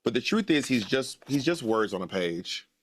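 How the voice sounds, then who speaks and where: This author guest is an American man in his late thirties whose mid-range voice swings widely in pitch at a normal speed. Answering interview questions, he sounds earnest and reflective, leaning on repeated phrases to stress his points.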